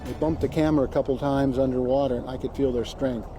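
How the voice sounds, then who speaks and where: A man's voice: mid-range voice, fairly even intonation, fast, music in the background. A man giving casual, spontaneous field commentary, emphatic and repeating himself. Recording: noisy outdoor recording, water and boat ambience.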